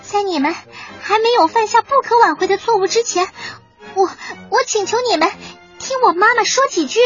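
Woman putting on a very high squeaky little hen girl, earnest and polite, dull lo-fi storybook audio, faint music. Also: fairly quick, fairly bright tone. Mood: pleading. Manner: pleading, polite.

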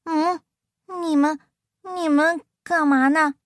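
A tiny shrew, freshly woken, mumbles in a high, thin voice, as a woman reads the part. The words drag slowly and sleepily, puzzled at the fuss. The sound is close and dry, with no room around it. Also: level tone, no echo. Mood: groggy, puzzled. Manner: drowsy, puzzled, drawn-out. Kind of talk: storybook character voice.

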